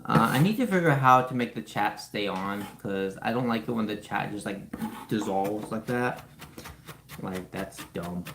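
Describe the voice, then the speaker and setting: A Ukrainian man live-streams from his home kitchen on a phone, greeting viewers and chatting casually as he explains each cooking step while chopping. His voice is on the low side, expressive and fairly bright at normal speed, and the roomy kitchen carries background noise.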